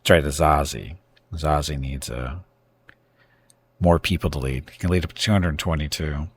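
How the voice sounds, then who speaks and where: A man thinking aloud as he plays a strategy game on a live stream, halting and correcting himself as he goes. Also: very deep voice, breathy edge. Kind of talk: casual gameplay commentary.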